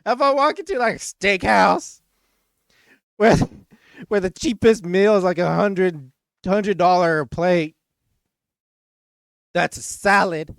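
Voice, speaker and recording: A man's voice: high voice, slow pace, creaky, pauses often, no room sound. A man hosting a reaction video, rambling casually and laughing often between his words. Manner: mock-grand oratory voice.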